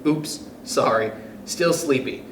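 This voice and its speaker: Reading a picture book aloud with plenty of expression, this storytime host addresses young children directly. He speaks slowly in a mid-range, slightly bright voice, and the recording has a roomy echo and faint noise behind it.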